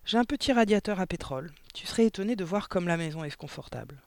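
Timid, kind young woman teacher in a storybook reading, voiced by a man, high and earnest, close and dry. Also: expressive, quick pace, no room sound. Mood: gentle.

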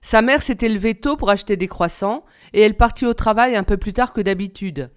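A woman reading a children's novel aloud, lifting her pitch for the characters' lines. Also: fairly quick, clear, resonant tone. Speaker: reader.

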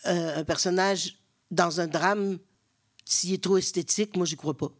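A woman's voice: lowish voice, fairly even intonation, unhurried. Québécoise acting coach lady, super blunt and frank, on a stage. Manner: blunt, frank, acts out quoted exchanges. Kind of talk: onstage interview answers. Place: theatre stage with live audience.

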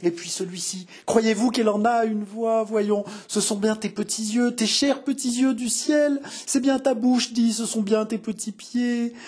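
A man voicing a frantic, grief-stricken young mother in a high, breathless, babbling voice. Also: steady tone, unhurried, few pauses, a little mellow. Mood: doting, sobbing.

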